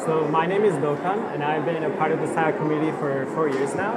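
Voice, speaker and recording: A man from Turkey, a guest in a live comedy sketch, talking haltingly with many fillers. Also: fairly high pitch, steady tone. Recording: noisy live stage with loud crowd.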